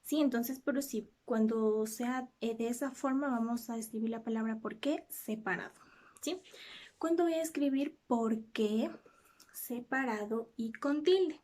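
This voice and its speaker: A woman teacher explains a lesson step by step, pausing now and then to check her students are following. Her voice is slightly high and mellow in tone. She sounds like a patient classroom guide.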